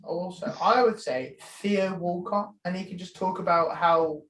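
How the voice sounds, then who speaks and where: A young man co-hosting a casual podcast, quick and jokey, with plenty of swearing. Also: high voice, echoey room, a loud crowd, poor audio. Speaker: podcast co-host. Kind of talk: casual chat.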